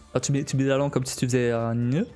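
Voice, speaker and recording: A male streamer in casual live-stream chat, talking in a halting way with many restarts and frequent laughs. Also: mid-range voice, mellow.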